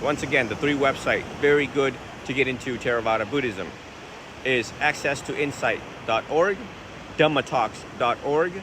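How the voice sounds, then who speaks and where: A man from Vietnam, a Buddhist monk, answering viewers' questions in a relaxed, conversational way outdoors by the ocean, recorded on a phone. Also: medium pitch, moderate pace. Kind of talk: casual outdoor Q&A talk. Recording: phone recording with wind and surf noise. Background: ocean waves and wind.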